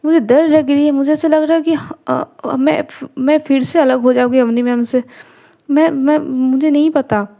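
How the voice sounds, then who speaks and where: A woman's voice: high voice, fairly even intonation, normal speed, dark tone. A woman voicing an anxious young female student who pleads and stammers, in a Hindi storytelling narration. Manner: pleading, stammering, repeats words.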